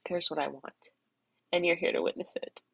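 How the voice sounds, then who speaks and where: A middle-aged vlogger reflects aloud in an emotional personal vlog, rambling, searching, and circling back to her point, congested and tearful from crying. Her lowish voice is creaky and husky, steady in tone and moderate in pace, captured dry and close with no room echo.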